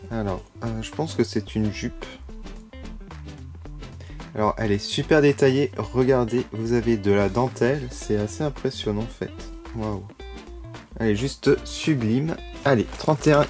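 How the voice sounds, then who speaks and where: A man's voice: medium pitch, measured pace, pauses often, darkish tone. A man giving casual unboxing commentary as a toy vlogger, gushing with frequent delighted exclamations. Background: background music.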